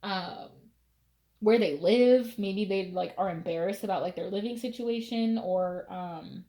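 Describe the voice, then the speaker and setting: A woman's voice: medium pitch, measured pace, mellow. A young woman giving a casual tarot reading, chatty and full of fillers, laughing now and then. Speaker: tarot reader.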